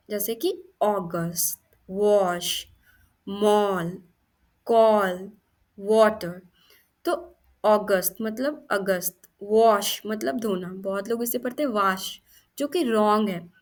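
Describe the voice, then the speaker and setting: Slow, patient woman teaching phonics. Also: mid-range voice, lively intonation, a little mellow. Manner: slow, repeats each word several times, gives meanings. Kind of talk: explaining phonics lesson.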